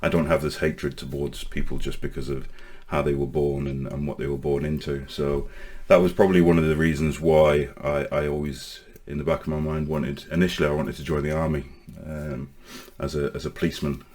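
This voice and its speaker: Very deep and low, the voice belongs to a Northern Irish-born man in his forties whose speech now sounds mostly English, with Northern Irish traces remaining. He vlogs about online safety and here shares a personal story to camera, haltingly and with many restarted phrases, in a level, flat tone.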